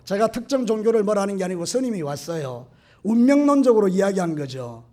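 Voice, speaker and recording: Lively, high-pitched pastor preaching. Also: male voice. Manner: animated storytelling with acted-out quotes. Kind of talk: sermon. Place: church sanctuary.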